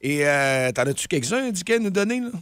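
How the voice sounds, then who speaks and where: A man's voice: a little high, very animated, a little fast, a bit bright, smooth, no echo. A man with a Quebec French accent, an easygoing morning radio host who takes listener calls and reads out the time, on a studio microphone. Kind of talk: casual radio banter.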